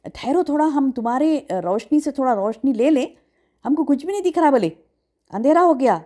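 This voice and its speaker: A woman lifts her voice high to play a desperate crowd of hypocrites, begging and protesting in a rush. Their pleas come out raised and aggrieved, like people shut outside a gate. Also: lively intonation, warm tone. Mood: pleading.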